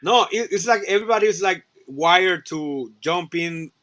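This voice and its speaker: A man whose first language is Spanish, chatting casually as a guest, animated and full of restarts. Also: sits high. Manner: halting, many restarts, animated. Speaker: guest toy reviewer. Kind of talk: casual chat.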